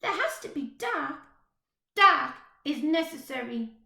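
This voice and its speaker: A woman voicing a cheeky, bossy little girl who talks in a high, excited, know-it-all way, in a roomy, echoey room. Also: takes it slowly, creaky, exaggerated voice. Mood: bossy chatter. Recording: roomy echo.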